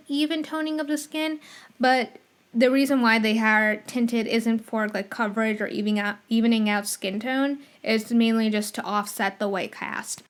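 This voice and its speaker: Female podcast host, slightly high voice, casual and chatty, mild lisp from a retainer. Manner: chatty, rambling, corrects herself on the fly. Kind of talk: casual solo podcast chat.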